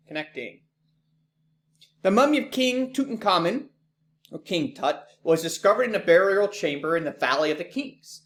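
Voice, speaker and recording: A man teaching an online class, talking casually with many ums and quick apologies for slips. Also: fairly high pitch, fairly bright tone.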